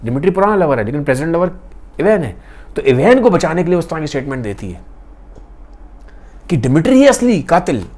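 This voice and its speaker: A man's voice: a little high, sing-song, quick pace, darkish tone. A man retelling a classic novel in a casual, conversational and dramatic storytelling style.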